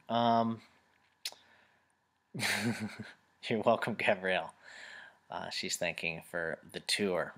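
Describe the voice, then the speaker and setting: A man casually chatting on a live webcam stream from home, rambling as he reads out and answers viewer comments. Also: lowish voice. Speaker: live chat host answering fan questions. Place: home room.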